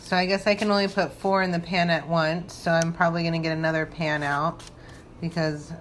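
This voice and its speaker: On the low side and flat, her delivery runs a little fast during a relaxed home cooking demo full of giggles, tipsy looseness and thinking aloud. It's a noisy home kitchen recording.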